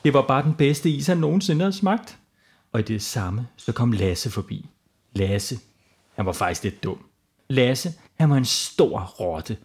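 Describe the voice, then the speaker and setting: Playful man telling a bedtime story. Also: medium pitch. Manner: playful, lively. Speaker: storyteller host. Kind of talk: improvised children's bedtime story.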